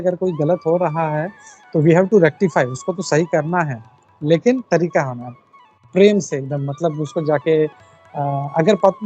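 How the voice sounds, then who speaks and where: Man, scripture class leader, earnest, fairly high mellow voice, dull lo-fi sound, faint music behind. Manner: earnest, explanatory, repeats key points. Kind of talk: devotional scripture class, Hindi mixed with English.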